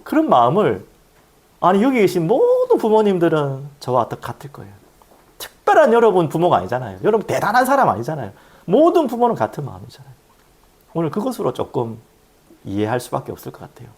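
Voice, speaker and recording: Husky-voiced male pastor preaching. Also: a little high, wildly swooping pitch, fairly quick. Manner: storytelling, swings from hushed to loud. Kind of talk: sermon.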